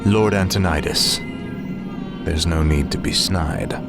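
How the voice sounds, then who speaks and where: Fallen prince turned undead death knight: low voice, imperious, menacing, video game drama over loud music. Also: male voice, slow. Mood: menacing, contemptuous. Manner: commanding, menacing.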